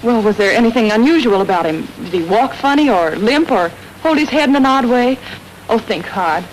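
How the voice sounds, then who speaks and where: An actress playing a plucky young woman amateur sleuth in a 1930s radio drama, with a brisk, bossy manner. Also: fairly high pitch, animated, a little hiss or hum, lightly acted, rough recording.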